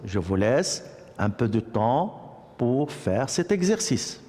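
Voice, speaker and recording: A man teaching a French lesson to young children, repeating words slowly and praising the class often. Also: medium pitch, sing-song, dark tone, long reverb tail. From Morocco. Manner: slow, repetitive, encouraging classroom delivery. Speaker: primary school teacher.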